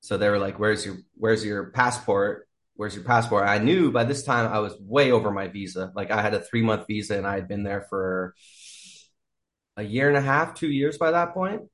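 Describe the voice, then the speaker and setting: A podcast guest with a lowish, fairly bright voice spins a wild story at normal speed. The casual storytelling wanders, with plenty of laughing and liberal swearing.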